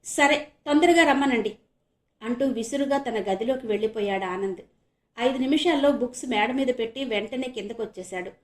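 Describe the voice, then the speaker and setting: A woman's voice: on the high side, a little fast. A woman narrating a serial novel audiobook expressively. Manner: expressive storytelling. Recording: echoey room.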